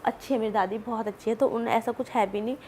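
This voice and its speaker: Chatty woman guest with a slightly high voice, telling a story in a loose, animated way. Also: fast talker, slight background noise. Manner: chatty, animated, full of asides and fillers. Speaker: podcast guest. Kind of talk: casual storytelling.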